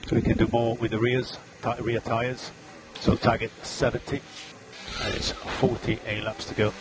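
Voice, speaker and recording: A man speaks as a race engineer in spotter radio style. His voice has an ordinary middle pitch and gives terse updates, repeating key words. It comes over team radio with clear vehicle noise. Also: little pitch movement, moderate pace.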